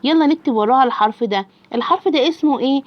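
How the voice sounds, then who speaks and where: A young woman with an Egyptian accent teaching Arabic reading, drawing out letter sounds slowly and praising the child. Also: high voice, lo-fi sound, a little hiss or hum. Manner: slow, drawn-out letter sounds when modeling.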